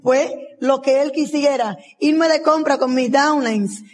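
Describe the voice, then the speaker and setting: A woman's voice: sits high, measured pace. A woman, giving a motivational testimonial as a convention speaker and acting out the dialogue of her story.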